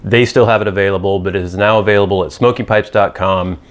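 A man's voice: fairly low pitch, fairly even intonation, quick pace. A man in his thirties talking to camera in an informal, matter-of-fact product review, explaining details as he goes. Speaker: pipe tobacco reviewer. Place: small indoor room with cloth backdrop. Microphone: lapel mic.

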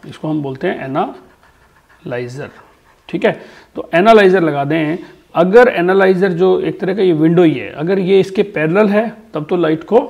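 A man's voice: on the high side, gravelly, a little mellow, highs cut off. A man teaching a physics lesson, explaining step by step, repeating key terms and answering his own questions. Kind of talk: classroom lecture.

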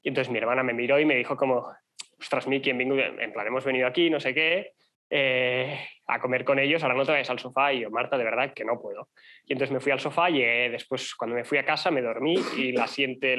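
A man's voice: medium pitch, a bit bright. A young man from Spain telling a personal story to a conference audience, chatty and full of fillers. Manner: fast, chatty, many fillers. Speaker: conference speaker.

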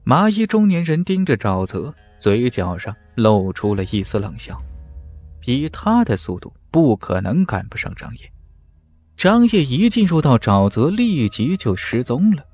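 An audiobook narrator reads a fantasy novel with theatrical, emphatic storytelling, his mid-range male voice sing-song, unhurried and a little mellow. Background music plays under this dramatic scripted narration.

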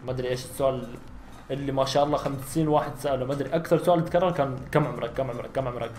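Young Saudi streamer, 19, Saudi accent, rapid chatty delivery, roomy home setup. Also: male voice, medium pitch, fairly even intonation, faint music behind. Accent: Saudi Arabic. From Saudi Arabia. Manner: chatty, bursts into loud exclamations during fights. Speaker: gaming YouTuber. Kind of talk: casual gameplay commentary with Q&A. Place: small room at home, seen on facecam.

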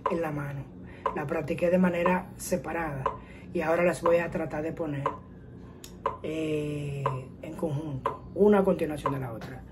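A woman teaching a guitar lesson, explaining calmly step by step and counting rhythms out loud. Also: low voice, normal speed, noisy background. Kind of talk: casual music lesson. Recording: guitar and metronome playing behind. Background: guitar playing and metronome clicks.

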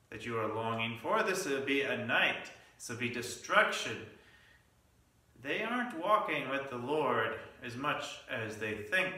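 Bright-voiced pastor in an echoey church. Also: male voice, medium pitch. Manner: storytelling preacher with restarts and asides. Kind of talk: midweek Lenten sermon. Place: church sanctuary. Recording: echoey church sanctuary, mic at a distance.

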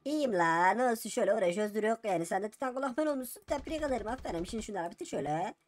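A man voicing a gruff, friendly older neighbor in a game role-play, rough and offhand. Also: sits high, expressive, racing, slight background noise.

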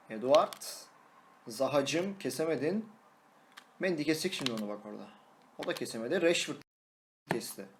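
A young man, a gaming YouTuber, giving excitable live commentary on his own match, shouting and singing at goals and teasing his opponent. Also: on the high side, slight background noise.

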